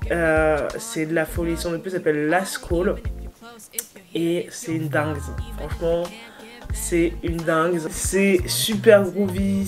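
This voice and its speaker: A woman with an eastern French accent, chatting casually about music. She rambles excitedly in slang and uses lots of fillers. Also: lowish voice. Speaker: music YouTuber. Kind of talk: casual chat, music review. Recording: music playing clearly behind the voice.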